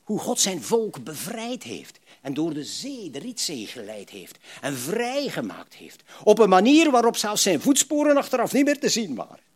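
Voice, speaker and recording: A man preaching a sermon, swinging between loud emphatic lines and soft low asides, and reading scripture aloud with feeling. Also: sing-song, moderate pace, breathy edge. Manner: frequent tag questions, reads scripture aloud expressively.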